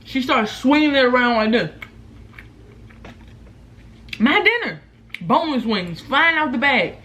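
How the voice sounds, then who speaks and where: A young woman vlogger telling a story casually while eating, animated and profane, acting out what each person said. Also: high voice, measured pace. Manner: animated, profane, acts out quotes.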